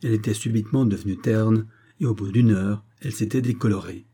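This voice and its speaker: Man reading an audiobook, low husky voice, dark and mellow, measured and dramatic. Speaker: audiobook reader. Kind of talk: scripted audiobook narration.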